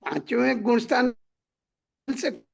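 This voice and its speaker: A man's voice: extremely high pitch, animated, vocal fry, slightly rough. Older man breaking up on a bad call. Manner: hesitant, halting questions. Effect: voice cutting out on a bad call line. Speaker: student asking questions. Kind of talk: online class discussion. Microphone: video call.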